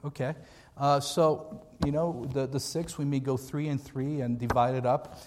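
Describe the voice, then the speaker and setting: An American pastor leads an informal training seminar in a large hall, his medium-pitched voice moving at a normal pace with fairly even intonation. He talks conversationally to the group and often repeats points for emphasis. The recording is echoey with long reverb and a noisy background.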